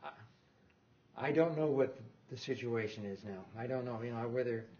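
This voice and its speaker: An older man, a guest lecturer on loudspeaker design, gives an informal technical talk in a lecture room. His medium-pitched, slightly mellow voice moves at normal speed as he rambles, correcting himself with small chuckles. The recording sounds muffled.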